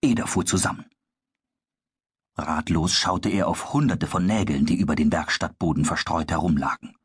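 A man narrating a children's story in a calm, measured storytelling manner. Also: extremely low pitch, slightly rough, no echo, studio quality.

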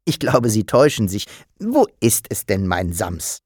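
A man's voice: lowish voice, sing-song, unhurried, breathy edge, no echo, clean studio sound, full character voice. A man voicing a mild, flustered lodger who is a single father, speaking politely in a puzzled, raised voice in an audiobook.

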